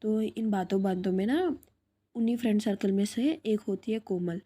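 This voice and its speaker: A woman's voice: medium pitch, normal speed, dark tone, breathy edge. A young woman casually telling a love story, with loose, unscripted narration. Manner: casual, many fillers and restarts.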